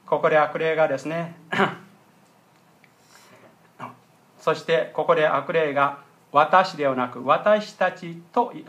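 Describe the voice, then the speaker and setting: A man's voice: a little high, fairly bright tone. A man pastor preaching an earnest, emphatic sermon and stopping often to address the congregation directly. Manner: earnest, emphatic preaching with frequent ですね fillers.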